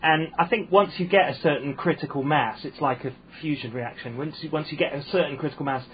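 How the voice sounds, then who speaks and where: Speaking fairly quickly in a slightly high voice, a posh-accented English comedian chats as a guest on a casual podcast. His talk is rambling, hesitant and self-deprecating, full of fillers, and the muffled lo-fi recording carries a little hiss or hum.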